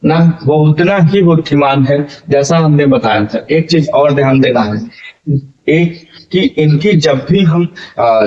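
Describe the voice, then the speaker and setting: A man teaching a grammar lesson, explaining slowly and calling his listeners friends. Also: fairly high pitch, darkish tone, dull audio.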